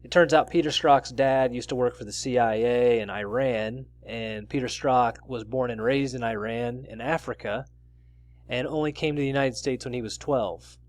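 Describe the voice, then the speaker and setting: A man's voice: mid-range voice, normal speed, no echo. A man hosting his own news commentary video, talking through stories casually and reading bits of articles aloud with his own asides. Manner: conversational, reads out article excerpts with asides.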